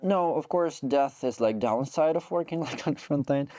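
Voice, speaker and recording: A Ukrainian soldier in his twenties is an interview guest, speaking English with a Ukrainian accent in a mellow, medium-pitched voice at normal speed. There's no room sound, and his answers ramble with plenty of "like" and restarts.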